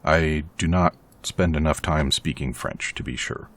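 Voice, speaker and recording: A let's play host with a bass voice, a little slow and fairly bright in tone, casually narrates his survival game playthrough. He's chatty and rambling, with a self-deprecating streak.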